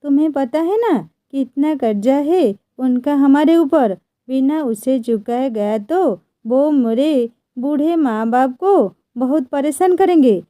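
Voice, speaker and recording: A woman's voice: sits high, expressive, slow pace, dark tone, dry recording. A woman voicing a timid young servant man. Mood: worried.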